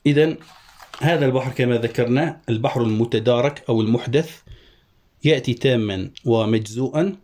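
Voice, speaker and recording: Mellow-voiced man teaching poetic meter. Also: medium pitch. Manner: slow deliberate syllable-by-syllable scansion, drawn-out chanting of syllables. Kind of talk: Arabic prosody lesson.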